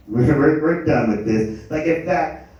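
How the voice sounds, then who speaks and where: A young man from Germany works a stand-up set, rambling through self-deprecating stories with frequent stumbles and restarts. His voice is mellow and dark, picked up from a distance in a very echoey club. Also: fairly high pitch. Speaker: stand-up comedian. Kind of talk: live stand-up comedy. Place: comedy lounge stage.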